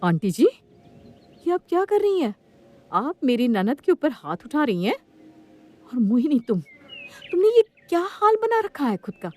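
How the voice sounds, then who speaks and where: A woman's voice: on the low side, expressive, moderate pace, dark tone, natural voice. A woman voicing a firm, protective sister-in-law. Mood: shocked.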